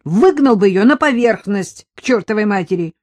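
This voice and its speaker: A woman voicing a gruff middle-aged male police sergeant who scolds loudly. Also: medium pitch, very animated, measured pace, no echo. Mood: scolding. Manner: stern, scolding, loud.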